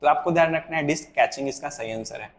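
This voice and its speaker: A man's voice: a little high, fast talker, reverberant, noisy background. A male computer teacher leading an exam-prep lesson, explaining step by step, repeating the answers and asking rhetorical questions.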